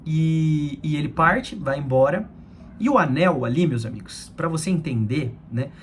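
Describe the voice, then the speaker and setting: Young man, slightly high voice, friendly devotional talk, faint background noise. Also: lively intonation, normal speed. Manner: conversational, addresses listeners as friends, frequent tag questions.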